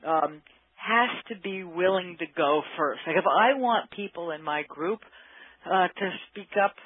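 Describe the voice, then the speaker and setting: A guest expert on workplace psychology speaks in a high-pitched, slightly rough voice, unhurried and without echo, over a phone line. During the conversational interview he explains his ideas with thought, pausing to find the right words.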